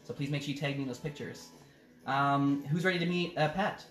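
A man's voice: on the high side, brisk, a bit bright, reverberant. A man hosting a children's storytime as a drag queen, chatting casually and playfully with viewers. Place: living room at home, indoors.

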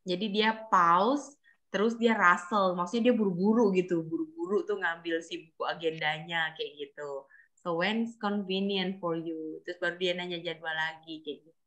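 Teacher, female, Indonesian accent, bright tone; explains each word in Indonesian, then says the English. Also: lowish voice, steady tone, normal speed. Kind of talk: online class feedback.

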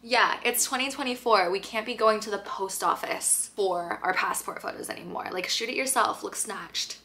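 This young woman, a lifestyle vlogger, talks to camera indoors in her bedroom, running through her monthly favorites in an upbeat, casual way with lots of fillers. She speaks at a normal speed in a medium-pitched, sharp-toned voice.

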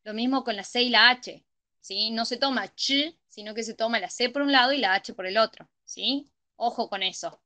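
A woman tutors a grammar class, her voice high and bright. She moves through examples step by step and keeps checking that her students are following. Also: moderate pace. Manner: checks understanding with frequent ¿sí? and ¿estamos?.

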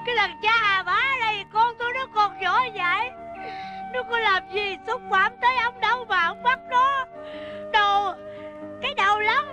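Một phụ nữ đóng vai bà mẹ đang than khóc, kể lể, giọng miền Nam, trong một vở hài sân khấu. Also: female voice. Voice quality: shrill and tearful, sobbing lines. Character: grieving mother, wailing, melodramatic. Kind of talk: stage comedy sketch with sung laments.

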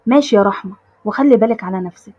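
A woman's voice: medium pitch, racing, mellow, husky, muffled recording, lightly acted. A woman voicing an irritable brother. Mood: curt. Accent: Egyptian Arabic. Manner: curt. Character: young man, irritable older brother.

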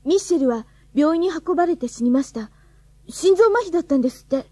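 A woman's voice: high voice, expressive, quick pace, warm tone, no echo. An actress playing a small, eager teenage schoolgirl detective in a radio drama, pleading and stammering. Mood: narrating. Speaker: lead actress and narrator.

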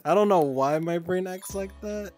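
Young woman, twenties, streamer, casual chat, slow drawl, giggly, swears, faint music behind. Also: lowish voice, a little mellow. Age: 20s. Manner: laid-back, giggly, swears freely.

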